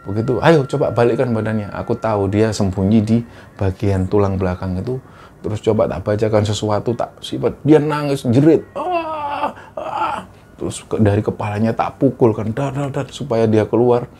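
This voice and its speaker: A man's voice: lowish voice, fairly quick, slight background noise. A man telling a hiking horror story casually, acting out the voices he quotes. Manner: animated, acts out quoted voices, fillers like "nah" and "gitu". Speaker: storyteller recounting a hike.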